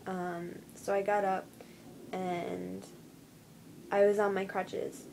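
A young woman records a casual video diary at home, sounding tired and yawning now and then. She talks slowly in a flat, even voice, stopping often with fillers and restarting her sentences. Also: mid-range voice, slight background noise, low-quality recording. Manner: halting, with many fillers and restarts. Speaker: vlogger.

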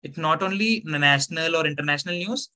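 A man in his twenties with an Indian accent gives informal advice over a video call, explaining step by step in a halting, methodical way. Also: fairly high pitch, sharp tone. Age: 20s. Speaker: student mentor sharing interview experience.

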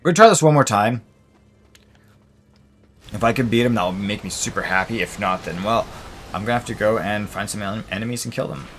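A man's voice: on the low side, brisk, long pauses, soft background music. A young man narrating his own gameplay, venting and exasperated, rambling with lots of filler words. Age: young adult. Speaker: gaming channel host. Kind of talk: let's play commentary.

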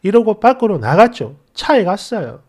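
A woman's voice: mid-range voice, big pitch swings, moderate pace, mellow, slightly rough. A woman narrating a personal story in a casual, exasperated, conversational way.

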